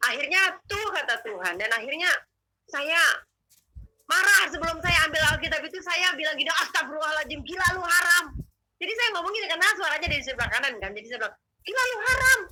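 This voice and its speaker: A woman telling her testimony as a guest, in animated, emotional, slangy conversational storytelling. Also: sits high, fast, low-quality recording.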